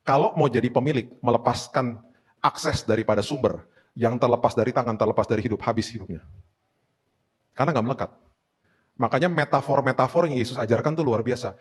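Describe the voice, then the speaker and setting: A man's voice: mid-range voice, a little fast, pauses often, husky. A middle-aged man preaching a sermon as a pastor, telling stories with humorous asides. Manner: animated storytelling with humorous asides.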